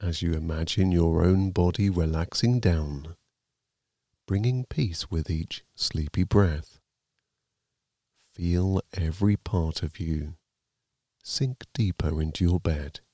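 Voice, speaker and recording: A man narrating a guided sleep meditation like a sleep story, in a calm, soothing, gently measured manner. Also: sits low, no echo, clean studio sound.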